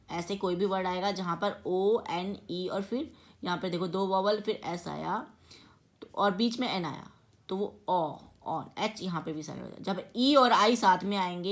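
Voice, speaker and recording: A woman's voice: mid-range voice, a bit bright. A woman teaching a grammar lesson, explaining step by step and spelling words out letter by letter. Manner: explains slowly, spells words out letter by letter, often checks with "theek hai". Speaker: English teacher.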